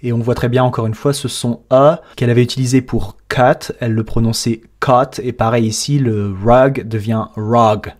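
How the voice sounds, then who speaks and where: A man's voice: mid-range voice, steady tone, normal speed, hardly any pauses. French guy teaching english accents, methodical, breaks down sounds one by one. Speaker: English pronunciation coach. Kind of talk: explanatory lesson with playback breaks.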